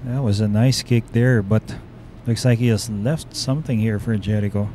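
Male billiards play-by-play caller, measured, faint background hiss. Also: fairly low pitch, dark tone. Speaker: commentator. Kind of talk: billiards commentary.

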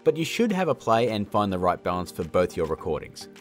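With music in the background, the thirtysomething tutorial host talks fairly quickly in a low, sing-song voice. His narration of the audio effects lesson is relaxed, and he refers to viewers as "guys."

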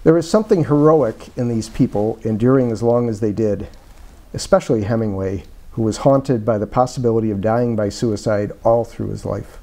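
Mellow-voiced older man, reflective author. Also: on the low side, moderate pace. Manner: reflective, meandering, lots of fillers. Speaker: author being interviewed. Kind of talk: casual conversation. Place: small parlor-style room indoors. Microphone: lapel mic.

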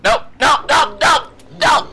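A man commenting on his own gameplay, swearing a lot and yelping and shouting whenever he panics. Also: very high voice, slow pace, gravelly, a little hiss or hum. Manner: excitable, profane, yelps and shouts in panic. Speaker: let's play host.

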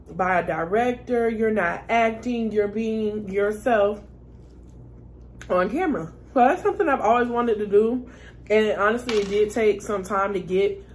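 A woman's voice: medium pitch, a little hiss or hum. A woman chatting casually to her viewers while eating a meal. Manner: chatty and laid-back, talks while eating. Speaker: vlogger. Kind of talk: casual mukbang chat.

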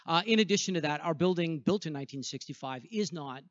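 A man's voice: fairly high pitch, expressive, quick pace, no echo. Middle-aged male school rep, sincere and thankful, handheld mic, muffled dry audio. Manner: earnest, grateful. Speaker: school representative. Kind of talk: fundraising appeal to a congregation. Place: church sanctuary in front of a choir. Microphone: handheld microphone. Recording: dull, dry sound.

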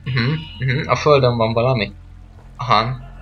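A man's voice: mid-range voice, fairly even intonation, slightly rough, dull audio, faint music behind. A man giving casual, rambling let's-play commentary on a game, joking and chatting with the game's characters. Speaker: gameplay commentator.

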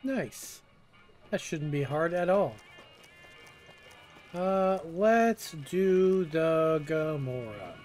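Slow-paced man doing game commentary. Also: fairly high pitch, animated, a little mellow, faint music behind. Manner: thinks aloud, echoes game dialogue. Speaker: gameplay video host.

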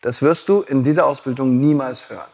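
A man's voice: medium pitch, fairly quick, gravelly, a little mellow. A man teaching yoga teacher trainees in a blunt, provocative way and laughing at his own jokes. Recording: long hall reverb.

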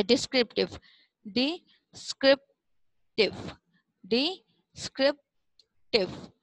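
Slow, coaxing woman teacher, dry sound. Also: sits high, a bit bright, no room sound, rough recording. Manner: slow, repetitive, coaxing explanations. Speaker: school teacher. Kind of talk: classroom lesson.

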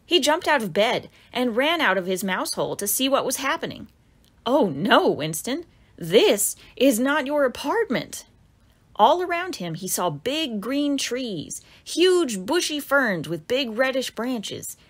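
A woman reads aloud from a children's picture book she wrote herself, narrating expressively and throwing in dramatic exclamations for young listeners. Her voice sits high with a breathy edge, and she takes her time.

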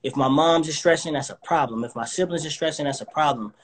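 A man in his thirties, a guest artist in a casual interview, speaks confidently in a motivational, somewhat preachy way. He joins by phone or webcam video call from a living room with a couch. His voice is fairly high and quick, with a little hiss or hum.

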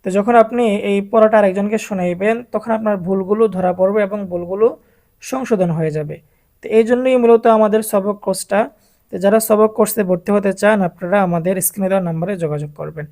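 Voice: medium pitch, fast. Patient reading teacher. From Bangladesh. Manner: drills letter sounds in a steady repetitive chant; patient, addresses viewers directly. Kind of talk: recorded online reading lesson.

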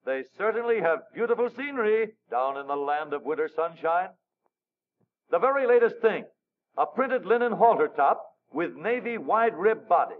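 An old newsreel narrator, a man with a high, lively announcer voice full of wry asides. The sound is narrow and tinny, with faint hiss like a scratchy 1930s newsreel soundtrack.

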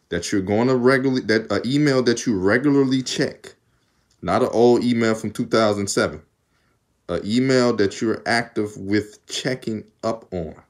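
Low-pitched and laid-back, a young male vlogger from the South talks to his phone camera, held at arm's length in a small room. He rambles, laughs a lot, and keeps chatting while his arms tire from taking out his braids.

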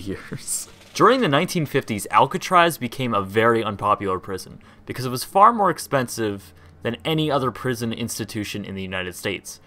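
A man's voice: medium pitch, pushed and bright. A young man hosting a casual history video, chatty and rambling, laughing and tripping over words. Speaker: host.

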